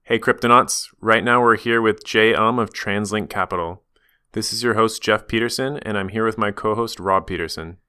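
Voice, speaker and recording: A man hosting a podcast, speaking in an upbeat, energetic way. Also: on the low side, moderate pace, clean tone, dry recording. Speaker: podcast host.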